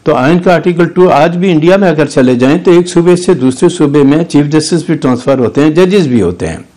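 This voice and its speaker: Older man, Pakistani Urdu accent, lawyer guest, argumentative, legalistic, fairly high pitch. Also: expressive, a little fast, mellow. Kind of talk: studio news interview.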